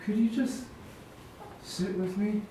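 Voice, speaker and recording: Wounded young soldier played by a male stage actor: weak, gasping, halting, homesick. Muted tone, distant and very echoey. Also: sits high, steady tone, dark tone, slight background noise. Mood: weak, lonely. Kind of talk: stage musical play dialogue. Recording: echoey stage, distant mic, faint music.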